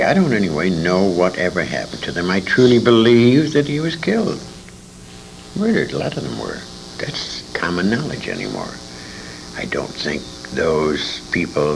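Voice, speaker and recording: The older man's voice is deep and creaky as he reminisces in an interview, an emphatic, opinionated storyteller speaking with feeling. He used to be a radio performer, and the tape is a noisy amateur recording made at a convention.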